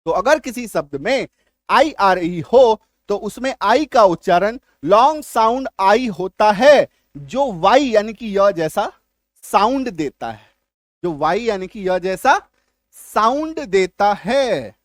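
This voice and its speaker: A man teaching an English reading lesson in a classroom style, slowly drilling pronunciation and often asking if it is clear. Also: high-pitched, lively intonation, no echo, clean studio sound. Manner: keeps checking understanding with questions.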